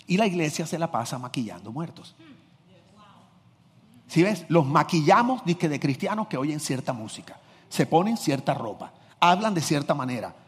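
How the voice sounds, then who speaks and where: In a long-reverb church hall, a pastor with a husky, fairly high voice preaches very animatedly at normal speed. He alternates loud, driving emphasis with low, intimate asides and acts out little scenes.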